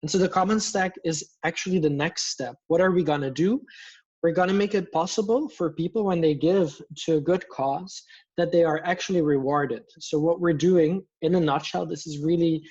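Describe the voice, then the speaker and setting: A native Dutch speaker from Belgium, in his thirties, talks with enthusiasm and hand gestures as a video call guest, carrying a Belgian Dutch accent. His voice is a little high, darkish and husky, at a moderate pace. The headset audio from his plant- and poster-filled home room is muffled and lo-fi.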